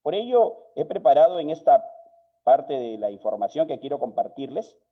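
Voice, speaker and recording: A man with a Peruvian Spanish accent teaching a live online spelling lesson, measured and explanatory, asking viewers questions. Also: fairly high pitch, very animated. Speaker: online course instructor. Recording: slightly dull lo-fi audio.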